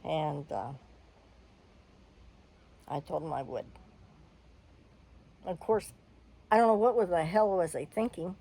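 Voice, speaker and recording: A woman's voice: fairly low pitch, expressive, slow, long pauses, mellow, breathy edge, rough recording. An older woman telling a personal story in a candid, blunt way, with the odd cough and sigh.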